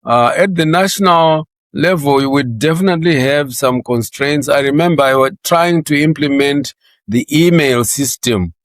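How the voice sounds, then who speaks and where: A man from Zimbabwe in his sixties, talking about his career in a relaxed interview, laughing often and repeating words as he gets going. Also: on the high side, moderate pace, no room sound. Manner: chatty, laughs often, repeats words when starting sentences. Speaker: interview guest.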